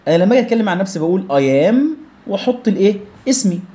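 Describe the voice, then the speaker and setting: A man's voice: high-pitched, lively intonation, racing, mellow. A young man with an Egyptian accent teaching English vocabulary in an online lesson, drilling pronunciation with repeated words and rhetorical questions. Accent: Egyptian Arabic.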